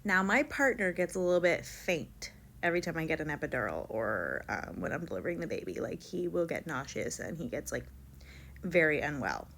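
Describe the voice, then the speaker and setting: A young woman tells a personal story in a casual vlog. Her voice sits a little low, and she fills it with likes. She bounces between narration and livelier voices for the people she quotes. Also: big pitch swings, a little fast, a bit bright, slight background noise. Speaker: vlogger telling her birth story.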